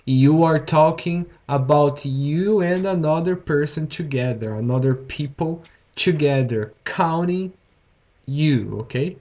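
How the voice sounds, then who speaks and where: A man's voice: a little high, darkish tone. A man who speaks English with a Brazilian Portuguese accent, a native Portuguese speaker, teaching a grammar lesson to his students and repeating each point with encouragement. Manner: slow, repetitive, encouraging explanations to students. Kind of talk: live-streamed grammar lesson.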